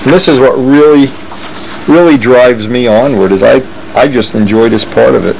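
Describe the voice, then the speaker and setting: Hobbyist man narrating his plans, excited and meandering, mid-pitched, with an air conditioner humming in the room. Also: moderate pace, vocal fry, a little hiss or hum, poor audio. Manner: enthusiastic, rambling, thinking aloud. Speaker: model aircraft builder showing plans. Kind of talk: casual show-and-tell narration.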